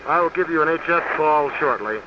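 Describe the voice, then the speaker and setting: A man's voice arrives over a garbled radio link, the call breaking up and dropping out as he speaks. He sounds a touch high for a man, calm and matter-of-fact, with halting pauses in clipped procedure talk. The whole thing is muffled and smothered in heavy hiss, like an old 1960s transmission. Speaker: astronaut in a spacecraft.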